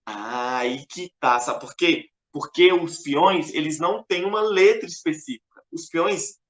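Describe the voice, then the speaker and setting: Brief: man, chess teacher, crisp bright tone, echoey room, patient and repetitive. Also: a little high, measured pace. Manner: patient, repetitive, keeps pointing things out. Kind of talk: explaining a lesson over a board.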